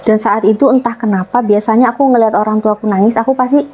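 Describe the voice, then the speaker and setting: A young woman from Papua, Indonesia, relaxed and chatty as an interview guest, telling her story and acting out her family's words. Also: on the high side, fast, muffled recording. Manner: relaxed, acts out family dialogue in quotes.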